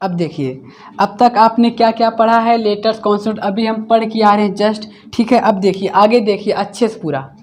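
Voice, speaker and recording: Guy teacher with a high voice, explains step by step, keeps asking then answering himself. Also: steady tone, normal speed. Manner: asks a question, then repeats the answer. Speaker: English grammar teacher. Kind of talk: classroom lesson.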